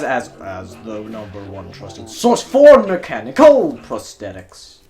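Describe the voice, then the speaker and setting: A man voicing a cheerful corporate intercom announcement that stutters and repeats words like a glitch. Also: medium pitch.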